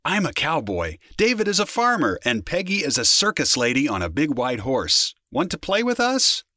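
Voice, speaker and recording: A man's voice: a little high, moderate pace, dry recording, clean studio sound, full character voice. A man doing an eager little boy playing cowboy. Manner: excited, boastful.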